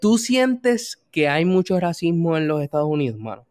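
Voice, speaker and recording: A man's voice: on the high side, very animated, moderate pace, darkish tone. A man co-hosting a casual chat, asking questions and laughing easily.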